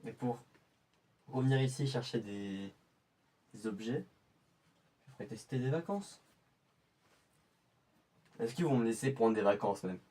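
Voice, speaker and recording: In this scripted in-character monologue, a male actor plays an infiltrator working out his cover, quietly muttering and thinking aloud in a pensive mood. The voice is medium in pitch, mellow and unhurried, with long pauses. It sits far from the microphone and sounds much like an ordinary speaking voice.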